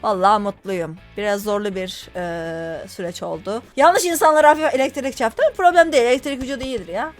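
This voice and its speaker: A woman's voice: a little high, brisk, few pauses, soft background music. A woman gaming YouTuber giving casual, chatty let's-play commentary, teasing the game characters and complaining in mock exasperation.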